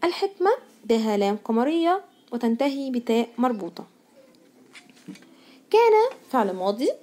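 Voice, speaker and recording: A woman's voice: on the high side, very animated, moderate pace, mellow. A woman teaching a primary school grammar lesson in Egyptian Arabic. She stresses each new word and answers her own questions to the pupils. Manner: asks pupils questions and answers them herself.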